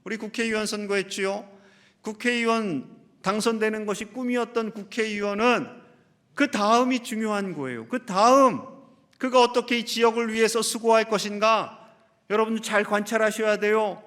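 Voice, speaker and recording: A male senior pastor giving a Sunday sermon, speaking straight to the congregation with questions and reading scripture slowly and emphatically. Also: sits high, fairly even intonation, fairly bright tone. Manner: addresses the congregation directly with questions. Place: church sanctuary. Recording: long hall reverb of a church.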